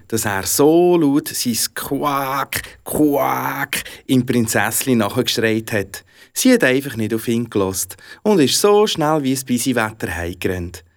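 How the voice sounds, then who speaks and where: A storyteller with a Swiss German accent, narrating a fairy tale expressively. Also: medium pitch. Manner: expressive, animated.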